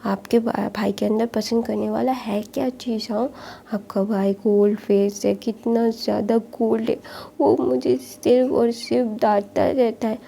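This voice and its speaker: A spoiled young man whines and pleads his way through every line, as a woman puts him on while retelling a story. The voice sits a little high and keeps a narrow, flat pitch contour. It has a gravelly, mellow texture. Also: measured pace. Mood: complaining. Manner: whining, pleading complaints.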